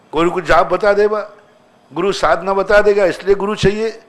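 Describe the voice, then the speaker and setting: Slow-preaching man giving a sermon. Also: a little high. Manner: slow, chanting scripture, rising to emphatic outbursts. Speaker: Jain monk preaching.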